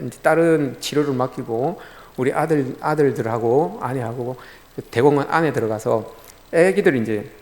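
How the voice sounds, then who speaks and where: A man's voice: mid-range voice, a little mellow. A middle-aged male pastor delivering a sermon in a conversational storytelling way. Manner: storytelling, conversational, addresses listeners often. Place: church sanctuary. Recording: long reverb in a church hall.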